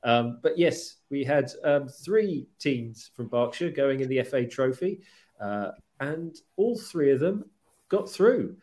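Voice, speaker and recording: A man hosting a casual sports podcast, presenting in a halting, hesitant way. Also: mid-range voice, expressive, a little mellow. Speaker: podcast host.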